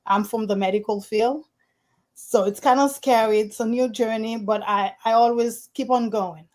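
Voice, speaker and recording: Earnest, higher-voiced woman from Haiti. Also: steady tone, moderate pace, darkish tone. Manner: earnest storytelling, slightly non-native phrasing. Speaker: interview guest, realtor. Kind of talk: conversational interview.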